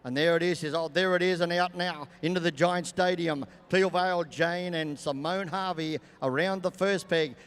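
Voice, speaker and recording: An older Australian man commentating live over an arena PA, with folksy showmanship and drawn-out phrasing. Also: on the high side, steady tone, fairly bright tone, clear, resonant tone. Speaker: campdraft commentator and announcer. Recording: echoing arena PA, long reverb.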